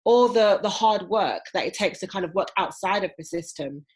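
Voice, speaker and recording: A woman appearing as a podcast guest, speaking earnestly and weighing her views out loud. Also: medium pitch, normal speed. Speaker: podcast guest, diversity specialist. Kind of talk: conversational podcast interview.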